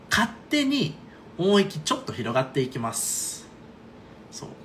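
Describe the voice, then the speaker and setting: A man's voice: mid-range voice, a bit bright, slight background noise. A man teaching singing in a casual online lesson, chatty and checking in often with his students. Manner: chatty, frequent "right?" and "okay?" check-ins. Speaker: voice coach.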